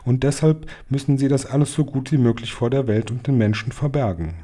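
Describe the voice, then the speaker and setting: A man's voice: mid-range voice, a little fast, mellow, pitched above the performer's own voice, close to an everyday voice. A man doing a grave old grandmother. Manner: grave, matter-of-fact warnings. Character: stern, knowing old grandmother.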